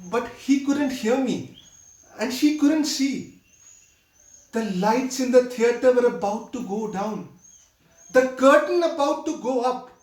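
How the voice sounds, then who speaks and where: A man's voice: extremely high pitch, expressive, slow pace, long pauses, darkish tone, full character voice. A man performing a monologue as a flustered young theater usher on his first night, nervous and stammering as he confesses. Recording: roomy sound from far off.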